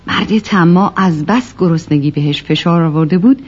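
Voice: mid-range voice, slightly rough. A storyteller narrating a children's tale, talking to the kids listening. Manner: addresses children warmly as listeners. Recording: lo-fi recording with music behind.

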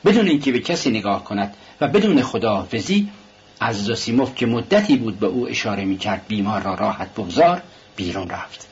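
A man reading a novel aloud as narrator in a measured, even way. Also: fairly low pitch, husky, lo-fi sound. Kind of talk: audiobook reading.

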